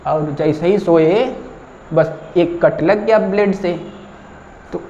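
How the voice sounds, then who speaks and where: A man's voice: high-pitched, slow, mellow. A male teacher, teaching with stories and asking and answering his own questions. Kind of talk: tutorial lesson with story mnemonics. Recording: echoey, dull lo-fi room with faint noise.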